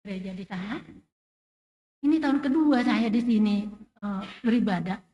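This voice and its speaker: A woman's voice: mid-range voice, expressive, normal speed, highs cut off. A middle-aged woman giving an emotional, emphatic testimony in a church service. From Indonesia. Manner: emotional, emphatic, rising and falling loudness. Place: church sanctuary.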